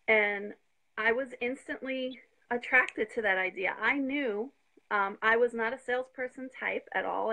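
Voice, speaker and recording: A woman in her fifties, a guest on a live video interview, telling her story eagerly and sounding slightly out of breath on a phone call. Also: mid-range voice. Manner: eager, talks fast when excited.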